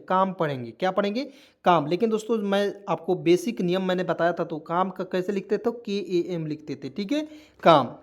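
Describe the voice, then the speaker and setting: A man's voice: sits high, a little mellow. Indian man drilling English pronunciation. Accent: Hindi-speaking Indian. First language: Hindi. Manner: repetitive, drills words aloud, asks and answers own questions. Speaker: English teacher. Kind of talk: classroom lesson explaining pronunciation.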